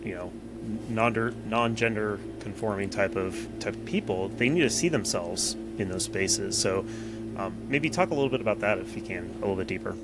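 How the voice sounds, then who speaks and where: A male podcast co-host with a fairly low voice talks at a moderate pace over music and loud background noise. He rambles casually, repeating words, restarting often and saying "you know" a lot.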